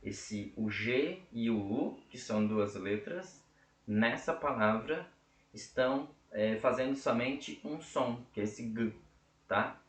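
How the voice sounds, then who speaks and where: A man's voice: mid-range voice, slow. A man teaching a casual lesson, explaining step by step and checking in often with his listeners. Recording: echoey room.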